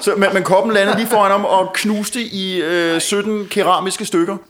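Male guest, high-pitched, lively storyteller who stumbles and repeats. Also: background noise. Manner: animated, repeats words and stumbles when excited. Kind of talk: casual storytelling.

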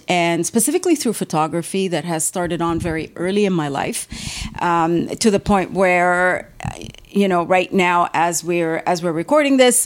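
Speaking on the low side, this interview guest is a middle-aged professor and artist from Lebanon. Her manner is reflective, and she tends to repeat words as she hunts for how to say things.

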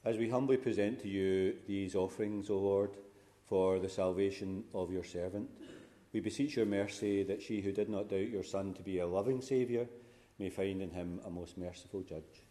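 A man's voice: low voice, steady tone, moderate pace, dark tone. A man speaking as a priest, reciting the prayers of a funeral Mass in a solemn, formal manner in a church.

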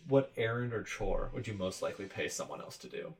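A young man with a fairly low voice chats casually as a host. He rambles through everyday stories with a wry, joking tone. He asks his guest questions between his asides. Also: sing-song, fairly quick, creaky, low-quality recording. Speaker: podcast host asking questions. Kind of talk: casual conversation.

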